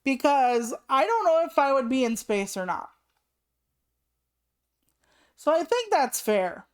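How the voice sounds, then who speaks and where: A woman's voice: high voice, very animated, slow pace. Chatty, foul-mouthed woman streamer. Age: 30s. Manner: chatty and swears freely; rambling asides with many "like" fillers. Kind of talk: casual live-stream chat.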